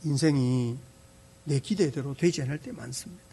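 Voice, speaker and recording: A male pastor preaching a sermon, animated, repeating himself and putting questions to the congregation. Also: mid-range voice, normal speed, vocal fry, husky. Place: church sanctuary.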